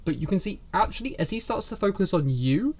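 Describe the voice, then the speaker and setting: A man's voice: high voice, very animated, fairly quick. A man running a tabletop game as game master, describing scenes in a rambling way with many fillers.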